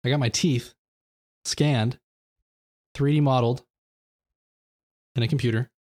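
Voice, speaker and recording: A man's voice: medium pitch, fairly even intonation, measured pace, darkish tone. A man hosting a podcast in casual chat, laid-back and self-mocking. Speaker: podcast host.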